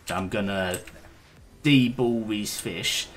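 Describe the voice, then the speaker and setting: A man's voice: fairly low pitch, slow, a little hiss or hum. A man streaming a game, chatting casually with hesitant, rambling talk and the odd swear. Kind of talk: casual gaming stream chat.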